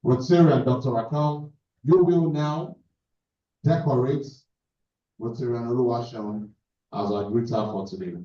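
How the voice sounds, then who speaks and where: A man's voice: mid-range voice, measured pace, warm tone. A man with a Nigerian accent hosting a club breakfast meeting, giving jovial, directive cues. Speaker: meeting host. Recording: echoey hall, distant mic, dull sound.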